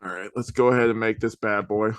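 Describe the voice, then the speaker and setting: A man's voice: lowish voice, steady tone, quick pace, smooth, dry recording. Dry-voiced joking male podcast host. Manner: joking, narrates while typing. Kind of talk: casual chat.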